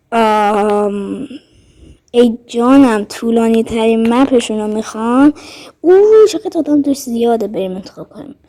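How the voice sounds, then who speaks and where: A woman's voice: a little high, warm tone. A woman giving casual, chatty commentary while playing an online game, thinking aloud and speaking to her viewers. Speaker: gaming vlogger.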